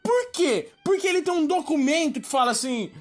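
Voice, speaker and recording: A woman's voice: high-pitched, animated, fairly quick, soft background music. Slangy ranting Brazilian woman. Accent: Brazilian Portuguese. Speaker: vlogger. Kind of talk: slangy comic rant to camera.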